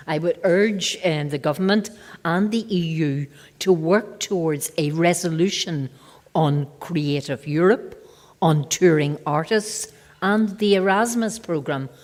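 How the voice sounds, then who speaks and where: A woman's voice: lowish voice, measured pace, a little mellow. A woman with a Northern Irish accent, making an earnest formal speech in a parliamentary assembly and urging action. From Northern Ireland. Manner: earnest, urging, repeats her key points. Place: large assembly chamber. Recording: long hall reverb.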